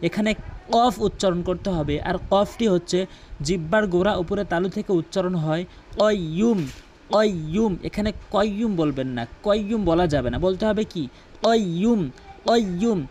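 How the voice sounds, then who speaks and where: A man with a high voice teaches correct recitation in a brisk, insistent way. He repeats words slowly and corrects each sound. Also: a little mellow, a little hiss or hum. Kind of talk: pronunciation tutorial.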